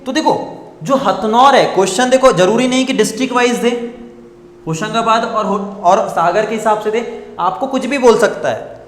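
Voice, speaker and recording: A man's voice: high-pitched, normal speed, echoey room, big-room sound. A man teaching an exam coaching class, asking questions and answering them himself, repeating key points again and again. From India. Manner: repetitive, quizzes students and answers himself.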